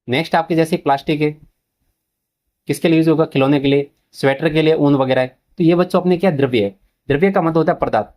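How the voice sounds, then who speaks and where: A man's voice: a little high, darkish tone. Male teacher, questioning. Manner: asks questions and answers them himself, repeats key terms; addresses students as children, mixes English terms into Hindi. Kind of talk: exam-prep grammar lesson.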